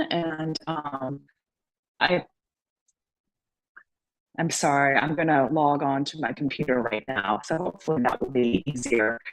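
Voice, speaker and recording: A woman joining a public meeting over a remote call that breaks up. She thanks the speaker politely and apologizes, and her delivery is halting. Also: low-pitched, poor audio. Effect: remote call audio that breaks up. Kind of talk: formal public meeting remarks.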